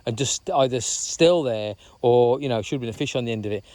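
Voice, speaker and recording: A chatty man talks in a loose, rambling way while walking outdoors by a reservoir, often tagging on "you know what I mean". His voice sits at a middle pitch and sounds dry and close to the mic. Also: fairly quick, a little mellow, no echo. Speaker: vlogger. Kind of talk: casual walking vlog chat.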